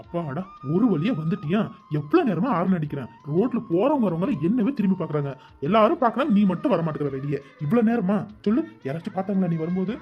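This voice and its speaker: Sweet coaxing young lover, voice goes up and down a lot, kinda dull lo-fi audio. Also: male voice, high voice, expressive, quick pace, soft background music. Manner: affectionate, coaxing. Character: doting young man courting his sweetheart. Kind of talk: cartoon voice acting.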